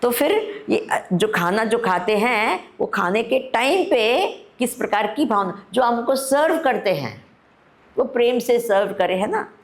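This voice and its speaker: A woman spiritual teacher giving a discourse at a spiritual camp, unhurried, often asking her listeners questions and mixing Hindi with English. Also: fairly high pitch, sing-song.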